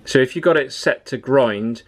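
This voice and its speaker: A man's voice: mid-range voice, normal speed. Plain-spoken man reviewing tools. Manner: plain-spoken, practical, advice-giving. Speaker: tool reviewer. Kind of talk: casual product review. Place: home workshop with tools on the wall.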